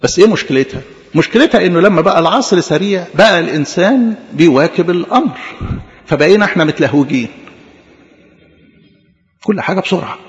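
A man with an Egyptian Arabic accent preaching a sermon as a priest, animated, playing out quick imagined exchanges and repeating words for emphasis. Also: high voice, long reverb tail, lo-fi sound.

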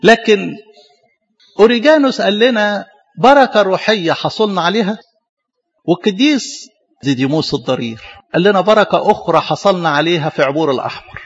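Egyptian priest, sermon; quick, high voice, fires off rhetorical questions. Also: male voice, breathy edge, muffled recording. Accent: Egyptian Arabic. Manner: animated preaching with rhetorical questions.

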